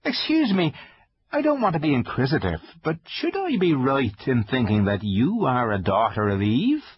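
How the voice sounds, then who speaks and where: A man's voice: wildly swooping pitch, normal speed, husky, no echo. A man voicing a timid, courteous male fawn who is fussy and easily flustered. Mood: fussy polite. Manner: flustered, courteous, high and fluttering. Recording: dull lo-fi dry recording.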